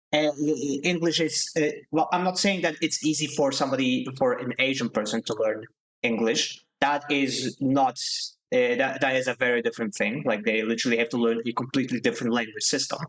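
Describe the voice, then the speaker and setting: A young Slovak man streams live, ranting casually in a medium-pitched, slightly bright voice over poor audio. He gets heated, swears, and keeps restarting his sentences.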